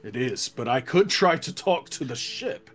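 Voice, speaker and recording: A man's voice: mid-range voice, animated, unhurried. A man chatting casually as a player in a tabletop role-play game. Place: home room on a group video call. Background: music.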